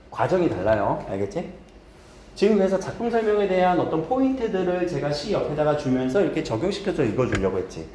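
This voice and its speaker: Lively male teacher in echoey classroom. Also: on the high side, slight background noise. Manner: lively, questions students often. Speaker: Korean literature teacher. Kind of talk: classroom lecture on poetry. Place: small classroom. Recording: roomy classroom echo.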